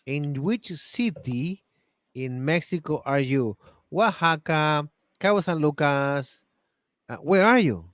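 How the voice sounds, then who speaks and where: A man with a Chilean accent leads an online English class over a video call, upbeat and encouraging, slowing down so learners can follow. His voice sits a little higher than most men's. The recording is dry and close, with no room echo. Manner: animated, encouraging, slow and clear for learners. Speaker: English teacher.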